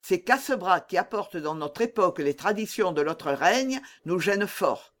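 A man's voice: sits high, animated, normal speed, fairly bright tone. A man voicing a scheming older cardinal in a storybook reading, sly and ingratiating.

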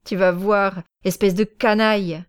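A woman reading an audiobook, voicing an angry, threatening young village man who shouts accusations. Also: medium pitch, moderate pace, lightly acted. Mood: furious.

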